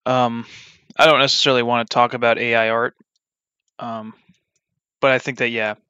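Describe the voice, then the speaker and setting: A man talks through a game in loose, unscripted commentary, blunt and rambling, stopping and restarting his sentences with plenty of ums. His voice is bright and clean, and the recording sounds dry and a little dull. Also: mid-range voice, flat delivery, normal speed, clear, resonant tone, no room sound. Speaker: gaming YouTuber. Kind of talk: casual gameplay commentary.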